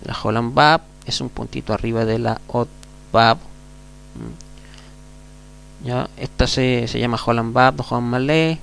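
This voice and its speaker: Patient Chilean man teaching, gravelly. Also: mid-range voice, fairly even intonation, a bit bright. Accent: Chilean Spanish. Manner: patient, repeats words slowly, asks "mm?" to check. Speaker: Hebrew teacher. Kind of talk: classroom lecture. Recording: gravelly voice over faint mains hum.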